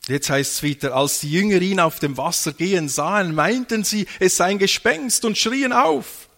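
A male preacher delivering a sermon in a slightly high voice. He speaks slowly and deliberately. He lingers on single phrases and repeats his key words for emphasis. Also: fairly bright tone.

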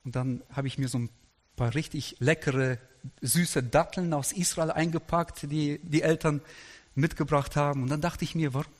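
A middle-aged male pastor preaching a sermon, telling stories with quoted dialogue in a lively anecdotal way. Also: on the high side, moderate pace. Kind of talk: sermon storytelling. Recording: long hall reverb.

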